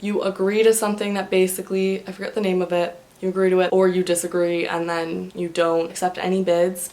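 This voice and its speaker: A young American woman with a slightly low voice chats to camera in sorority-girl style. She explains things casually and gives advice, sprinkling her sentences with "like". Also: a little mellow. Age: young adult, about 19 or 20. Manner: chatty sorority-girl talk, peppered with "like". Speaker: vlogger giving sorority recruitment advice. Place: indoor room with large windows.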